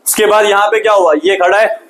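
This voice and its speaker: A man, teaching a physics lesson through an animated story and repeated questions to the class. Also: high-pitched, fast talker, poor audio.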